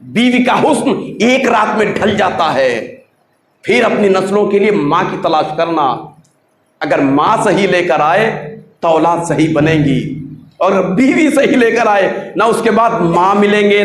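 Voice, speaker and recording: Cleric guy giving a sermon in a big roomy hall, slow, keeps asking "got it?". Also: high voice, fairly bright tone. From Nepal. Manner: rhetorical, keeps checking the listeners follow. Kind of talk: sermon at a religious gathering.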